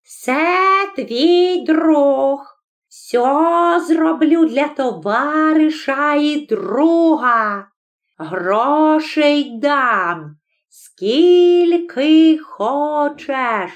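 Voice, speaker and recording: A woman doing a squeaky little male devil. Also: lively intonation, very slow, exaggerated voice. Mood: wheedling. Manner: squeaky, wheedling, then pleading. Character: sly squeaky male devil, small and tricky. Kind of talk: audiobook character voice.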